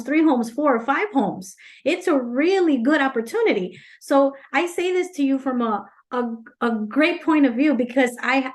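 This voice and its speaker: A woman from Ecuador, a financial advisor, giving a chatty, earnest seminar talk over a video call. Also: high voice.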